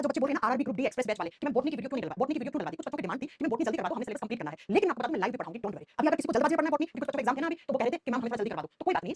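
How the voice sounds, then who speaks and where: Fast, lively woman teaching a class. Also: high-pitched, husky, no room sound. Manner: animated, quizzing students with rapid repeated questions. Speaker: online exam-prep science teacher. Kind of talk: live online class.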